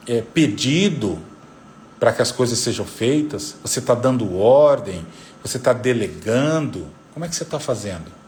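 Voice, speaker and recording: Lively Brazilian-Portuguese-speaking male psychoanalyst teaching. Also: mid-range voice, a little hiss or hum. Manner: didactic, repeats figures, lively intonation. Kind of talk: live talk on parenting.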